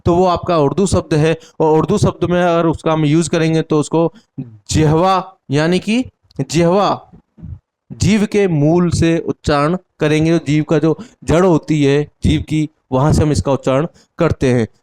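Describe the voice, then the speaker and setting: A man's voice: fairly high pitch, steady tone, normal speed, few pauses, darkish tone. A man teaching an exam-prep Hindi lesson, asking questions and answering them himself while repeating the key words. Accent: Indian Hindi.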